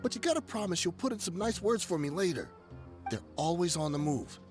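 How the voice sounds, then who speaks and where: A shifty ex-mercenary smuggler in a video game. His pitch leaps all over as he wheedles, pleads and dodges in slangy talk, with loud music underneath. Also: sing-song. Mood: pleading, grudging. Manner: fast-talking, pleading, slangy. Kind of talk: scripted video game dialogue.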